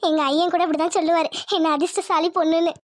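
A woman voicing a gentle, self-blaming young village wife in a cartoon. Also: very high voice, flat delivery, fast, dry recording. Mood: tender. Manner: soft, humble, pleading. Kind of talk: cartoon voice acting.

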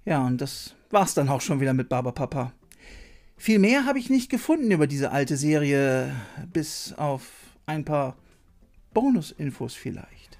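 Animated yet a little slow, a middle-aged man with a fairly high, slightly mellow voice narrates and hosts a scripted video essay. He records indoors at a desk microphone, in a small shelf-lined room, with music in the background.

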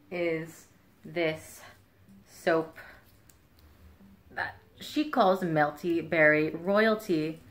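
A young woman chatting casually and excitably to camera in a living room, like an unboxing vlogger. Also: fairly low pitch. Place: living room, indoors on a couch.

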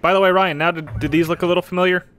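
A man's voice: sits high, fairly even intonation, very fast, fairly bright tone. A man chatting casually while he plays a game on a stream. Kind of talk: casual chat while playing.

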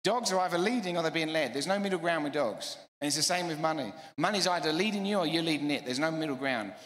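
Preaching a sermon with rapid-fire emphasis, a middle-aged man piles up repeated phrases. His slightly high, somewhat bright voice echoes through a spacious church hall with a long reverb tail.

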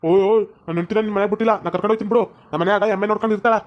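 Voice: medium pitch, steady tone, racing, natural voice. A performer voicing a blunt young village man who protects the cross-dressing husband, on a lo-fi recording. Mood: gruff.

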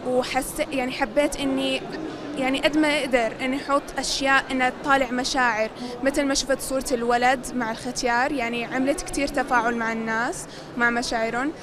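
Quick high-voiced young Damascene woman. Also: fairly even intonation. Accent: Damascene Syrian Arabic. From Damascus, Syria. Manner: youthful, earnest, some hesitations. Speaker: young painter exhibiting. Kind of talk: interview about her painting. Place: busy indoor exhibition hall. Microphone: handheld interviewer mic. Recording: crowd chatter behind.

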